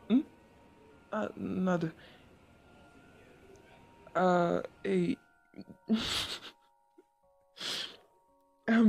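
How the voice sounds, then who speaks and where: A man voicing a shy, sweet young male photographer in a whispered role-play, talking softly and bashfully to the listener. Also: high voice, gravelly, full character voice. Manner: soft, gentle and bashful, addressing the listener.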